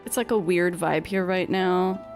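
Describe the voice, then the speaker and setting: A woman's voice: on the low side, measured pace, faint music behind. A young woman streamer chatting casually while gaming, swearing and laughing at herself.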